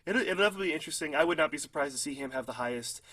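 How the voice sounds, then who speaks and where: This young man's voice is fairly high, bright and forceful, and he talks in a rapid-fire, expressive way. Co-hosting a relaxed football podcast, he hedges with fillers and keeps laughing at his own hot takes.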